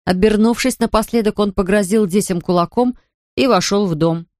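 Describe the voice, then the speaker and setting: A woman reading a children's story aloud in a calm, steady narration. Her voice sits at a middle pitch, and the recording is close and very dry with no room sound. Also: moderate pace, dry recording. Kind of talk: audiobook narration.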